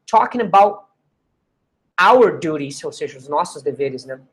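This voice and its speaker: A woman, teaching an English lesson and slowly repeating each phrase with chatty asides. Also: low-pitched, animated, husky. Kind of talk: explaining an online language lesson.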